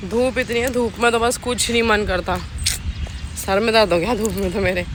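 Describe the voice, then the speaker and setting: A woman's voice: mid-range voice, fairly even intonation, normal speed. A young woman chatting casually in a home vlog, talking to her small daughter between asides to the viewers. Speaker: vlogger mother. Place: outdoors in a park and streets. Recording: outdoor noise, traffic behind.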